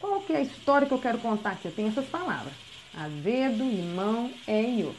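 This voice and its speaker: A woman, a literacy teacher giving a recorded lesson and explaining patiently step by step, often checking in with a quick "tá?". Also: fairly high pitch, big pitch swings, a little hiss or hum, poor audio.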